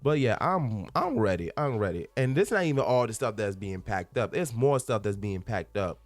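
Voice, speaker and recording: In a room at home stacked with packed boxes, a twenty-something man hosts a casual solo podcast in a lowish, sing-song voice at normal speed. He rambles earnestly and candidly, frequently restarting and repeating himself for emphasis, and bursts into laughter at times.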